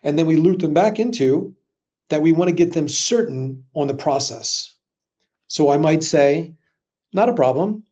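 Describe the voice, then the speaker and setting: This sales trainer's voice sits on the high side and moves unhurriedly as he runs a live webinar on objection handling. Heard over a video call, he talks casually and energetically, acting out conversations with customers.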